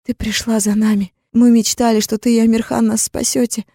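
A woman doing frightened little girls, high and pleading. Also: moderate pace, darkish tone, husky, no echo, studio quality. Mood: hopeful. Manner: pleading, tearful. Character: frightened little sisters, young girls crying.

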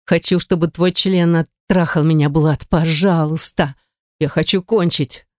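A woman voicing a desperate young heroine in an adult audiobook, with high, breathless pleading. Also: steady tone, unhurried, a little mellow, dry recording, clean studio sound.

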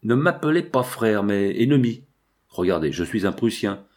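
A man voicing a bitter, defiant young Prussian in an audiobook, forceful and accusing. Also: lowish voice, normal speed, lightly acted.

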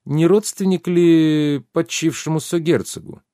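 Storybook baron, jovial and sly, raised excitable voice, over the top, read by a man. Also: on the high side, unhurried, dry recording, clean studio sound, pitched above the performer's own voice, lightly acted. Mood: effusive. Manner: effusive, exclamatory, fawning.

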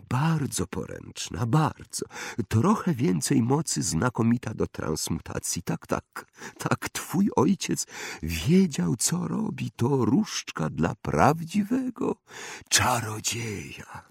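Eerie old wandmaker for a storybook reading, hushed and slow, higher than the male reader's own voice. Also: creaky, husky, no room sound, clean studio sound, full character voice. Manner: slow, hushed, drawn-out musing.

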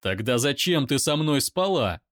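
A man playing an angry shouting young man. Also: mid-range voice, a little slow, dry recording, clean studio sound, lightly acted. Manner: loud, shouting back.

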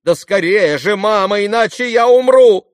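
A shrill, demanding teenage girl, put on by a male audiobook reader. Her voice sits far above his own and bursts out in quick, commanding cries. The sound is dry and close. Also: lively intonation, fairly bright tone, dry recording. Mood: frantic commanding. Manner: shrill, commanding, rapid outbursts. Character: teenage girl, sick, imperious and excitable. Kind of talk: audiobook character reading.

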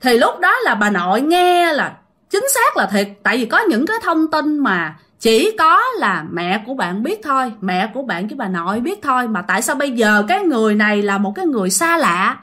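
Chatty Southern Vietnamese woman narrating a ghost story, bright, forward voice. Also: a little high, sing-song, a little fast. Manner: chatty, addresses listeners directly.

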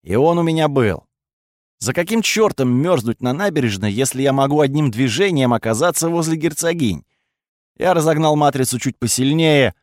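A man narrating a first-person fantasy audiobook in a steady, matter-of-fact way. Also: fairly high pitch, moderate pace, no echo, studio quality.

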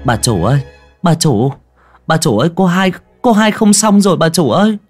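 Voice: medium pitch, big pitch swings, normal speed, a little mellow, husky, faint music behind, pitched above the performer's own voice. A reader voicing a young, frightened female servant who pleads urgently in an audio storybook. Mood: panicked.

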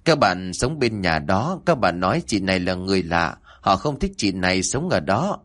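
A man's voice: low voice, sing-song, moderate pace, fairly bright tone. A man voicing a timid, haunted young boy who stammers hesitantly in a ghost story.

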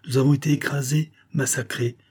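Un homme jouant un comte grave et résigné. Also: male voice, mid-range voice, fairly even intonation, brisk, a little mellow, breathy edge, pitched above the performer's own voice. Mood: las. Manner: sorrowful, earnest. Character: grave young nobleman count, losing soldier, resigned.

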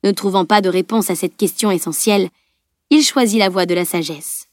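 A woman narrates a fantasy novel as an audiobook, reading at a steady, measured pace. Her voice sits at a middling pitch for a woman and sounds dry and close to the mic, with no room echo. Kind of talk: scripted narration.

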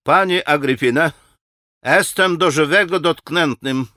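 Male reader as haughty Polish suitor, Polish-accented, puffed-up, slightly high voice. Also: lively intonation, a little slow, fairly bright tone, no echo, clean studio sound. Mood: pompous indignant. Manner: pompous, haughty, indignant. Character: proud touchy Polish gentleman suitor.

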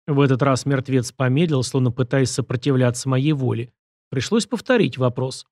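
A man's voice: mid-range voice, moderate pace, a little mellow, no room sound. Man narrating an audiobook, dry close sound. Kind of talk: first-person audiobook narration.

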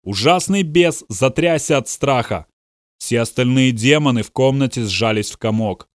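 Recorded dry in a clean studio, this narrator reads a novel at a moderate pace in a mid-range voice. He performs it dramatically, shouting out the characters' outbursts.

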